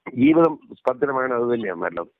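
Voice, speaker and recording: A man's voice: mid-range voice, animated, moderate pace, vocal fry, dry recording. A man speaking emphatically in a casual phone conversation, repeating his points, heard over a phone line. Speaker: interviewee. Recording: tinny dry phone line.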